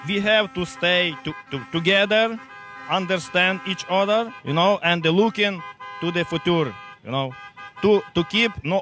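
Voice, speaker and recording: A man with a Ukrainian accent, a truck driver answering a street interview outdoors in halting English with many restarts. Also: high voice, a bit bright. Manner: halting non-native English with many repeats.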